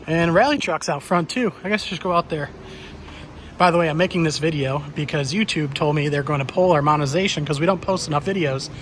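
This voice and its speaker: A man with a slightly high voice gives an off-the-cuff video tour of a car shop. He is blunt and offhand and swears freely. There is some background noise from the shop around him. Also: fast, a bit bright. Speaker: car shop owner giving a walkaround tour. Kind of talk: casual unscripted video tour. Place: busy car workshop, walking among cars.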